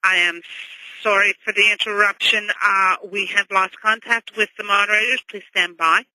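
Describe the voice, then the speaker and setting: A woman's voice: mid-range voice, normal speed, dry recording, poor audio. Formal woman conference call operator. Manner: formal, even. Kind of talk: scripted operator announcements.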